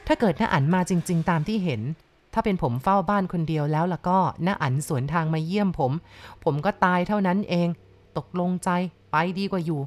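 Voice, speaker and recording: A woman reading a first-person ghost story aloud with steady, measured narration. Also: on the low side.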